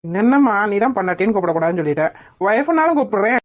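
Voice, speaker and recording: A woman's voice: medium pitch, very animated, very fast, no room sound. A woman voicing a persistent young man in a cartoon, teasing and puzzled by his beloved. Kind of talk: cartoon voice acting.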